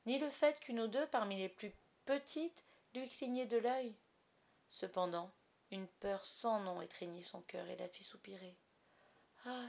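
A woman narrates a classic children's story. She reads at a measured pace. She is expressive and shapes each sentence with care. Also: mid-range voice. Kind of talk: storybook reading.

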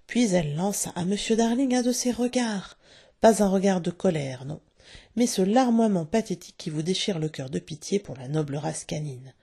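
A woman reading a storybook aloud with expressive, lively narration. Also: lowish voice, vocal fry, slightly rough.

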